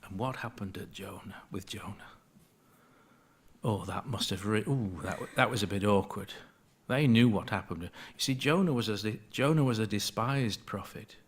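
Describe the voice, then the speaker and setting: A man's voice: on the low side, moderate pace, slight background noise. Chatty man giving a Bible talk. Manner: conversational, digressive, reads scripture aloud. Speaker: Bible study speaker.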